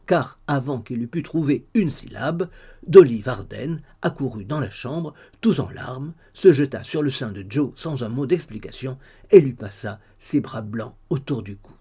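A man narrating a classic novel as an audiobook, in a measured, literary storytelling manner. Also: mid-range voice, warm tone, husky.

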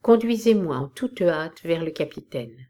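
A woman's voice: low-pitched, animated, moderate pace, dark tone. A woman voicing an agitated young male soldier bringing urgent news. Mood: alarmed.

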